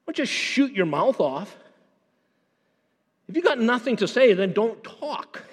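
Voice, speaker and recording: A man preaching a sermon as pastor, animated, often repeating words and dropping to a hushed intensity. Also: high-pitched, unhurried, husky. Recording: long hall reverb.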